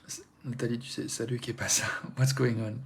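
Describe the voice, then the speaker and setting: A man with a French accent, talking hesitantly and softly in a reflective live stream, reading chat and repeating his thoughts in two languages. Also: medium pitch, level tone, brisk, a little hiss or hum. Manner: hesitant, soft-spoken, repeats himself in both languages.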